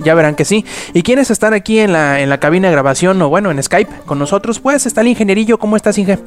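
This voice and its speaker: A man with a Mexican accent hosting a casual, slangy podcast chat. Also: high-pitched. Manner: informal, slangy. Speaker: podcast host. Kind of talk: casual chat over background music. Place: remote voice call podcast. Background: background music.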